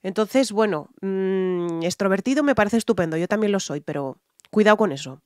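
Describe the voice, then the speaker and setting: A woman's voice: medium pitch, animated, moderate pace. Exasperated Spanish woman reacting. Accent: Spain Spanish. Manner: emphatic, exasperated, repeats herself for effect. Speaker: vocal coach reacting to videos. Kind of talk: reaction commentary.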